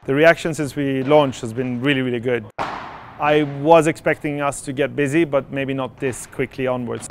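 A man's voice: medium pitch, a little hiss or hum. A man from Sweden, in his thirties, talking in an interview with many fillers and restarts, recorded in an indoor padel hall on a lapel mic. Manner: conversational, frequent fillers and restarts. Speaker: padel club founder.

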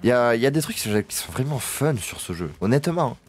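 A man giving casual gameplay commentary, excitable and swearing, chatting to his horse as he plays. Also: medium pitch, quick pace, slight background noise. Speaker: gaming video creator.

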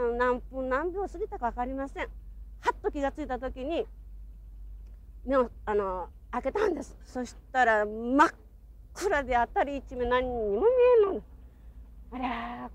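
An older woman with a Hiroshima Japanese accent gives a recorded testimony, telling her memories vividly and acting out voices and sound words. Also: high-pitched. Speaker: atomic bomb survivor giving testimony.

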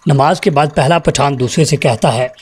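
A man's voice: a little high, normal speed, husky. A man from Pakistan, reading out jokes with a chuckling delivery. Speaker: joke teller.

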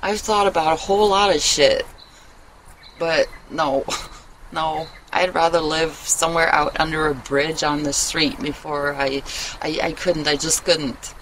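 Outdoors in a wooden shelter in the woods, a woman vlogger chats candidly to camera in a casual, confessional way, rambling and swearing casually. Her low voice is steady and fairly bright at a measured pace. The audio is poor, with clear outdoor ambient noise.

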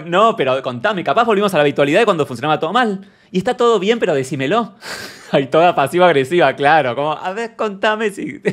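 A man's voice: mid-range voice, close to an everyday voice. A man with an Argentine accent playing a fussy, dramatic young woman on a stream, ranting in exasperation and acting out both sides of her chats. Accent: Argentine Spanish. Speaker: streamer in character. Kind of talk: comic character monologue on stream.

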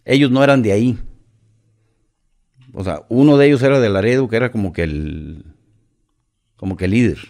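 A man's voice: on the low side, normal speed, long pauses, a little mellow. A middle-aged man from Mexico with a Mexican accent, a podcast guest telling a story in casual, profane slang and acting out the other voices.

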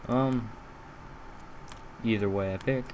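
Young man, lisp, lowish voice, halting casual game commentary, noisy background. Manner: halting, rambling, repeats himself. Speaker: gaming video host.

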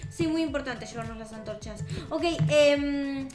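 Roleplaying her way through a video game, a young Rioplatense-accented woman talks expressively and asks many questions in an improvised chat. She speaks in a high-pitched, unhurried voice in an echoey room, with music in the background.

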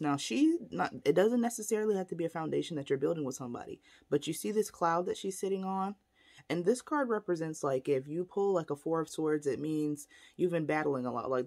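Her voice low-pitched and dark in tone, a woman who teaches spirituality explains divination tools in a relaxed, rambling vlog. She holds up the objects to the camera while she talks about them.

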